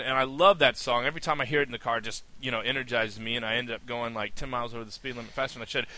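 A man's voice: medium pitch, bright, forceful tone, no echo. A man co-hosting a podcast in casual chat, easygoing and chatty, laughing often. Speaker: podcast co-host.

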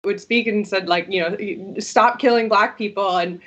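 A woman's voice: mid-range voice, normal speed, a bit bright, slight background noise, poor audio. A woman speaking on a video call as a panel guest, her audio glitching and cutting out, talking hesitantly with many fillers. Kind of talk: online panel discussion.

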